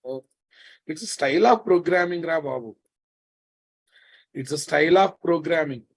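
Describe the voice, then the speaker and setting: Slightly high and a little rough, this programming teacher's voice moves at a moderate pace through a live lecture in a Telugu Indian accent. He repeats lines and prods his students with familiar, questioning, scolding remarks.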